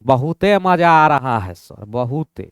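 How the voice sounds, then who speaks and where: A man's voice: medium pitch, sing-song, slow pace, smooth, no echo, studio quality, voice pushed down. A man voicing an eager, respectful male student who keeps praising his teacher. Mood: delighted.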